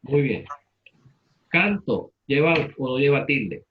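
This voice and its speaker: A man's voice: mid-range voice, animated, slow, narrow, tinny audio, a little hiss or hum. A man teaching a class, repeating students' answers and asking them questions in turn. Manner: patient, repeats answers back and asks questions.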